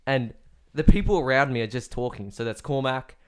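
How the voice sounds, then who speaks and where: A man's voice: mid-range voice, fairly quick, smooth. A teenage man co-hosting a podcast, telling a story in a loose, rambling way with restarts. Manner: rambling, self-correcting storytelling with laughs. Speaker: podcast co-host. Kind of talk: casual storytelling.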